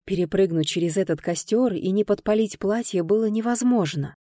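A woman narrating a first-person audiobook in a lively, expressive storytelling manner. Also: medium pitch, a little fast, no room sound, clean studio sound.

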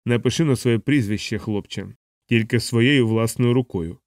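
A man's voice: medium pitch, normal speed, a little mellow, no echo, clean studio sound, natural voice. A man voicing a contemptuous, menacing male army colonel in an audiobook. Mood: menacing contempt. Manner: menacing, sneering, condescending.

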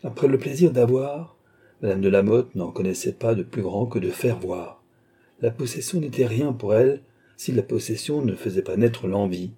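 A man narrating a classic novel as an audiobook, in a measured storytelling manner. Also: medium pitch, animated, dark tone, slightly rough.

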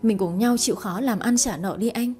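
A woman voicing a sharp-tongued middle-aged wife in a read-aloud comic story. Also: on the high side, moderate pace, faint music behind, lightly acted. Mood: pleading. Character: middle-aged wife, tearful then shrill.

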